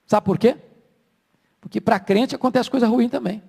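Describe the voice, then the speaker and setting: A man preaching a sermon in Brazilian Portuguese, swinging from soft, low asides to loud, slow emphasis. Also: creaky, slightly rough. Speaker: pastor. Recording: long hall reverb.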